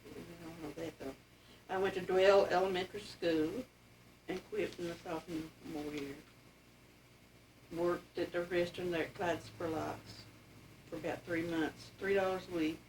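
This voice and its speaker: An elderly woman with an Appalachian accent and a fairly low voice. She talks in a plain, folksy, reminiscing way. The recording is faintly noisy, with the mic some distance off. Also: steady tone, unhurried, darkish tone. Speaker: interviewee telling family history. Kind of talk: casual oral-history reminiscence.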